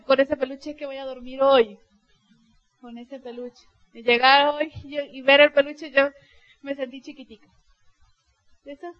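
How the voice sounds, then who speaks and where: A woman's voice: high voice, highs cut off. A middle-aged woman speaking to her sales team as a leader, telling personal stories in a heartfelt way and acting out quoted dialogue. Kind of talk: motivational testimonial talk.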